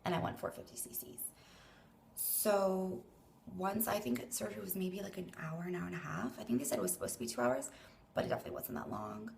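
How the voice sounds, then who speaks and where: A woman's voice: on the low side, brisk, vocal fry, darkish tone, slight background noise. A young Canadian woman who sounds tired and weak after surgery, rambling hesitantly through a casual vlog and trailing off breathily into near-whispers. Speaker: vlogger.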